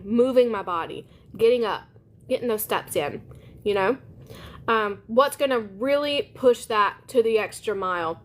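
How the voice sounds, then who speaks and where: A woman, chatting upbeat with live viewers while she eats lunch. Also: medium pitch. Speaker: live-stream host. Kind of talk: casual live-stream chat while eating.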